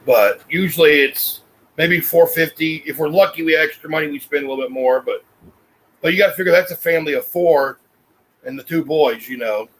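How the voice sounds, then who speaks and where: A man's voice: a little high, fairly quick, a bit bright, husky, low-quality recording. A man, chatting casually and folksily as a family vlog host. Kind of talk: casual chat.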